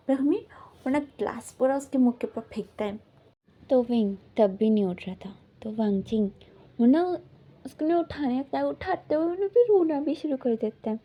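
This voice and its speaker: A woman's voice: a little high, dark tone, slightly rough. A woman casually retelling a fan story, chatty and full of fillers, reading out the characters' lines in plain quotes.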